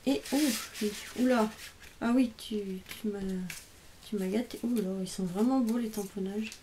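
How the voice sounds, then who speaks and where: A craft channel host with a slightly high voice opens her mail at a moderate pace, gushing over the cards and stamps she's received in casual unboxing chat. She stumbles a little over English phrases, and the background is noisy.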